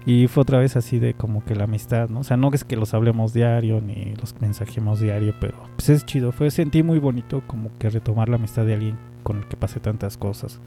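A man's voice: fairly low pitch, brisk, few pauses, mellow, soft background music. A man with a Mexican accent, casually telling a personal story in a rambling, slangy way and laughing often. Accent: Mexican Spanish. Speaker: amateur radio-style host.

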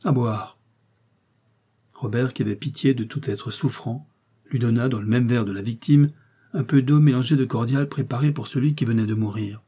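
Dark husky male audiobook narrator. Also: medium pitch. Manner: measured storytelling. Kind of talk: literary narration.

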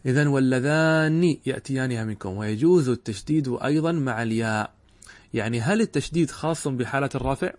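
A middle-aged man with a mid-range voice gives a classroom lecture on Arabic grammar, recorded dry. He poses rhetorical questions and answers them himself, slowing down to spell out example words.

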